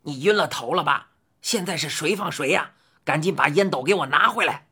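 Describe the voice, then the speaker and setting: A woman voicing a strong, grumpy old man in a storybook reading, talking low, slow and grumbling. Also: expressive, fairly bright tone, slightly rough, full character voice. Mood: scornful.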